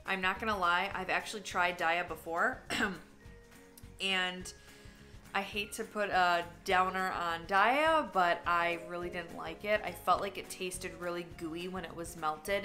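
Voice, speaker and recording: A woman's voice: lowish voice, measured pace, sharp tone, soft background music. A woman chatting casually while tasting food for a vlog, candid and talkative, sometimes talking with her mouth full. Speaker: vlogger. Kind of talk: casual taste-test vlog.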